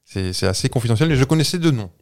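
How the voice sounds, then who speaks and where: Speaking very fast with lively intonation, a man with a French accent and a medium, slightly mellow voice co-hosts a laid-back podcast. He explains facts with many fillers and frequent restarts.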